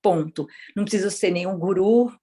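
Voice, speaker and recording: A woman's voice: mid-range voice, a little fast, mellow. A woman leading a spiritual study group in a casual teaching talk over a video call, often checking in with her listeners. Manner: conversational, keeps checking in with listeners.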